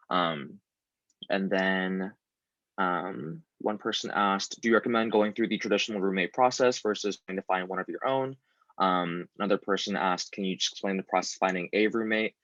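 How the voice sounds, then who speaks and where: A young man speaks in a very low voice, reading out audience questions and answering them in a relaxed, orderly way. The sound is dry and a little dull, as over a video call. He keeps things moving as the panel's moderator. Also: no room sound. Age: young adult. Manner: organized, reads out audience questions. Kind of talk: casual panel talk.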